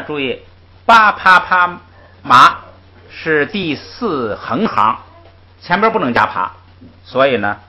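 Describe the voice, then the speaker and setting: A man teaching a language class, patiently explaining rules and modeling syllables for the class to repeat. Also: mid-range voice. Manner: lively, patient, interjects "ai" often, models syllables for repetition. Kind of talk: classroom lecture with call-and-repeat drills. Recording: muffled lo-fi recording.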